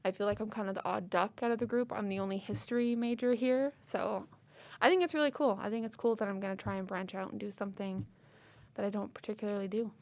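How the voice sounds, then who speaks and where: A young history student from Calgary, answering with upbeat energy and casual "like" and "kinda" fillers. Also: female voice, medium pitch, fairly even intonation, quick pace, darkish tone. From Calgary, Canada. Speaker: research assistant and co-host.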